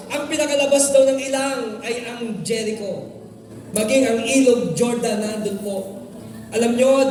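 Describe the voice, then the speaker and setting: High-voiced preacher in an echoing hall. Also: darkish tone, slight background noise. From Philippines. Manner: preaching with call-and-response, mixing English phrases. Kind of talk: sermon. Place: large church hall. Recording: echoey hall, far from mic, with music.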